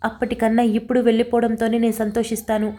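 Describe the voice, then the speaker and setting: A woman's voice: on the high side, monotone, very fast, mellow, close to an everyday voice. A woman voicing an anxious young woman in love, pleading through tears in a storybook reading. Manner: pleading, tearful.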